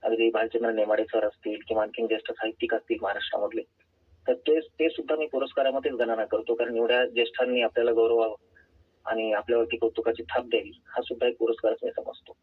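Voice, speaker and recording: A man speaks as a caller through a tinny telephone line, his voice husky and a little breathy. His pitch sits in an ordinary middle range, and his answers come out measured and earnest. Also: flat delivery. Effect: heard over a phone line. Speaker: author and poet, guest caller. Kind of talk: phone-in interview answers.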